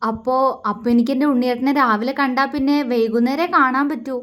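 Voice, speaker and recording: A woman voicing an affectionate, playful young wife who coaxes and teases gently. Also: high voice, steady tone, fairly quick. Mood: coaxing. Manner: coaxing, sweet and teasing.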